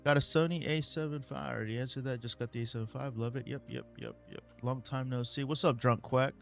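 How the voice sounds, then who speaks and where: A man hosting a casual live stream, answering viewer questions in a relaxed way with many ums and uhs. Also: mid-range voice, quick pace, gravelly, faint music behind.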